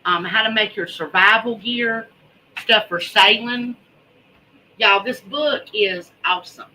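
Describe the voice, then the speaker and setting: A woman's voice: mid-range voice, takes it slowly, bright, forceful tone, slight background noise, poor audio. A woman chatting casually to viewers in a folksy, drawling way, repeating words for emphasis. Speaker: host of a homesteading preparedness vlog. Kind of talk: casual livestream chat.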